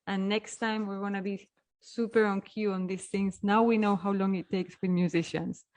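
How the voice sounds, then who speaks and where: A woman's voice: medium pitch, steady tone, moderate pace, a little mellow. A woman hosting a live-streamed event, introducing a guest in an effusive, apologetic way. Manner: effusive, apologetic, repeats "beautiful" and "amazing". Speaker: event host.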